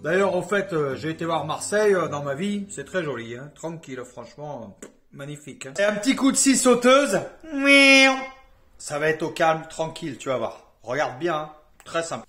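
A man's voice: fairly high pitch, sing-song, brisk, faint music behind. A man filming a casual home DIY vlog, talking to viewers in a playful, jokey way, with a put-on southern French accent. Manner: playful, jokey, talks to viewers, hums and sings bits. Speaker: DIY vlogger.

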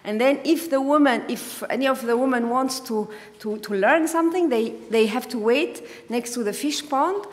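The speaker, an Egyptian artist, is a woman presenting slides at a symposium in a dark, echoey auditorium, unscripted, from a podium. She has a somewhat high voice and a halting delivery crowded with fillers and restarts. Long hall reverb surrounds her, as she's far from the microphone.

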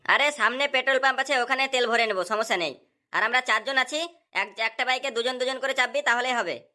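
A woman's voice: high-pitched, a little fast, sharp tone. A woman voicing a brash young man, the chief's son, in a cartoon. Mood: pushy. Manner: brash and pushy.

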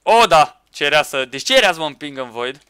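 A man commenting on a Minecraft match with friends, excitable, shouting at teammates and laughing. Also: on the high side, smooth, dry recording, studio quality. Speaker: gaming YouTuber.

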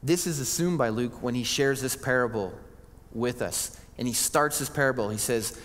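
A man's voice: medium pitch, normal speed, fairly bright tone. A male pastor preaching a sermon in an earnest, conversational way, often restarting his sentences. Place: church sanctuary. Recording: church hall reverb.

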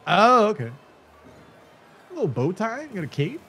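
A man's voice: sits high, wildly swooping pitch, moderate pace, sharp tone, husky. A man giving casual live fighting game commentary, bantering and using slang over the match. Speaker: esports tournament commentator. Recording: music behind the voice.

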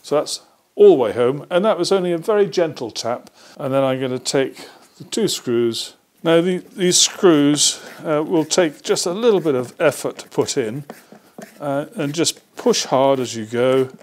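A British workshop presenter in his sixties patiently explains a hands-on assembly task step by step in an indoor workshop. His voice sits on the high side with a darkish tone, and he sounds animated at a moderate pace.

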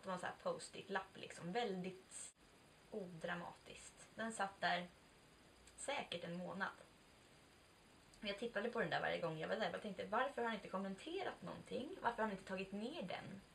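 A woman's voice: medium pitch, vocal fry, a bit bright. Chatty twentysomething woman vlogging, swears a bit, mic kinda far off, faint noise. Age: 20s. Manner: chatty and candid, swears, acts out quoted dialogue. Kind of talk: casual confessional storytelling.

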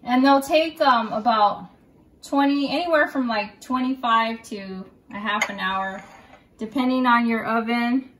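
A woman's voice: on the high side, a little slow, fairly bright tone. A middle-aged woman hosting a home cooking video, giving chatty, homey step-by-step instructions to her viewers. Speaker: cooking channel host.

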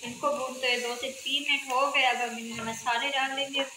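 A high-sitting female voice belongs to a home cooking host who explains each recipe step calmly and instructively, frequently pausing to check in with viewers. She's indoors in a home kitchen, where the room echoes and a pan sizzles and fries.

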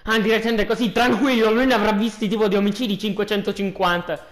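A gaming host giving casual, joking commentary, excitable and repeating phrases. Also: medium pitch, fast talker, soft background music.

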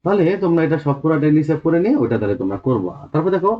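A man's voice: fairly high pitch, big pitch swings, very fast, highs cut off. A man teaching a school Bengali lesson step by step in a Bangladeshi accent, often telling the students to look.

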